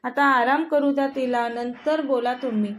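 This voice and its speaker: A woman's voice: high voice, fairly even intonation, normal speed, lightly acted. A woman voicing a young husband who speaks curtly and firmly, protective of his wife. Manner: curt, firm.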